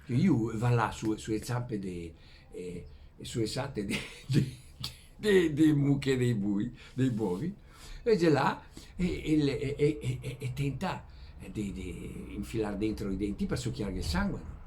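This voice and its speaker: Animated man speaking Venetian dialect. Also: medium pitch. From Veneto, Italy. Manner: halting, repeats words, rhetorical questions to listeners. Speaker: vlogger. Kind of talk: rambling homespun philosophy talk in dialect. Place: outdoors among flowers in early morning.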